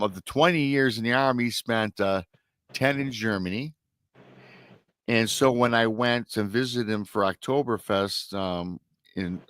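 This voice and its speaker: On a dry recording, this middle-aged Michigan man speaks in a lowish, pushed and bright voice. With his Michigan American accent, he hosts a casual chat show, wandering around and saying things more than once.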